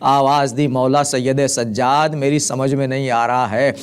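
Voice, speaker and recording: A man's voice: medium pitch, flat delivery, smooth. A middle-aged man, a preacher, recounting a mournful sermon in a dramatic storytelling manner. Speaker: Shia preacher.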